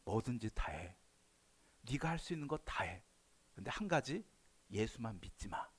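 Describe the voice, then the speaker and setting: A pastor voicing a sly male devil who tempts people in a low, hushed, coaxing voice. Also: very animated, normal speed, breathy edge.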